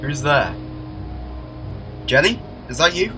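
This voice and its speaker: A man playing the Doctor, an excitable, caring and inquisitive time traveller, in a fan audio drama. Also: on the high side, slow, noisy background. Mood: curious, musing.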